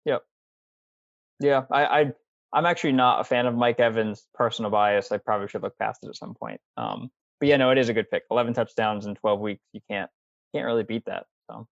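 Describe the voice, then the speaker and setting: A man co-hosting a casual fantasy football podcast, joking in a dry, low-key way. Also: fairly quick, creaky, dry recording. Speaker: podcast co-host. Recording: dull dry mic.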